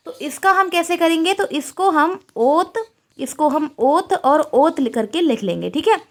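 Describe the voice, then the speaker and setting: A woman's voice: high voice, expressive, unhurried. A woman teaching a Sanskrit exam-prep lecture, asking questions and repeating the answers.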